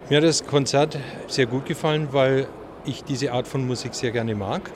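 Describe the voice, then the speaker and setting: Relaxed man giving a short statement. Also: medium pitch, normal speed. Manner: relaxed, folksy. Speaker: school head. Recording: noisy on-location recording.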